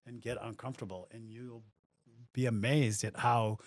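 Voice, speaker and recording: A man's voice: medium pitch, steady tone, moderate pace, dry recording. A man hosting a podcast, chatting casually in a friendly, agreeable way with a bit of dry sarcasm. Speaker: podcast host. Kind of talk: casual chat.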